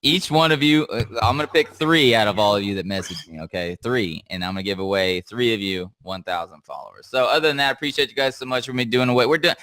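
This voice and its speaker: A man hosting a live stream, chatting casually with his viewers in an excited way and often laughing. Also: mid-range voice, quick pace, few pauses, dry recording. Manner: hyped and giggly, keeps breaking into laughter. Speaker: livestream host.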